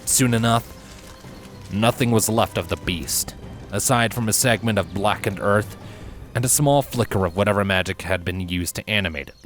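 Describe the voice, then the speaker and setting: A man with a lowish, fairly bright voice reads a scripted fantasy story aloud as its narrator, performing as a fan fiction reader. Background music plays behind him.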